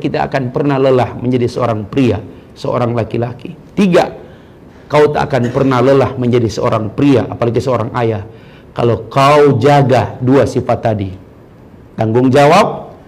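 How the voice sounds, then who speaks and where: A man preaching a sermon in a mosque, swinging between loud exclamations and hushed asides and asking the crowd questions. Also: medium pitch. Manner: addresses the crowd with questions and playful skits. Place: large mosque hall.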